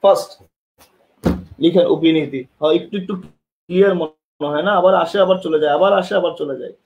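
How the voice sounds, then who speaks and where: A man's voice: on the high side, fast talker, darkish tone, muffled recording. A man teaching an online exam-prep class, often repeating himself and asking students questions, recorded by a camera mic in a classroom with a board. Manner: demonstrates with tongue and lips.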